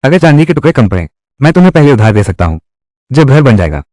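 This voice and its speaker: A man's voice: mid-range voice, big pitch swings, quick pace, a little mellow, no room sound, clean studio sound. A man reading all the character lines of a dubbed drama in one voice. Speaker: voice-over reader of a dubbed drama.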